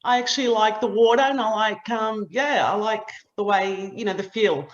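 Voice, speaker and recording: A woman's voice: mid-range voice, moderate pace. A hesitant woman feeling her way through an answer. Her voice comes over an echoey, dull remote connection. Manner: hesitant, tentative. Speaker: panelist. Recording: roomy, dull remote audio.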